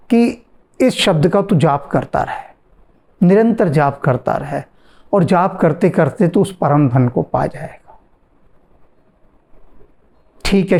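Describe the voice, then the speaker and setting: A man giving a slow, deliberate devotional talk as a spiritual teacher, answering a question and repeating phrases for emphasis. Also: fairly high pitch, gravelly, darkish tone.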